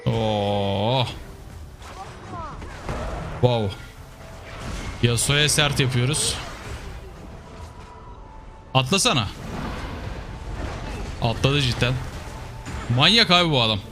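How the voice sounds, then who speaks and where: This young man's medium-pitched voice comes very slowly, with frequent pauses, over music. A gaming YouTuber, he's casually commenting live on his own gameplay, excitable, muttering one moment and yelping the next.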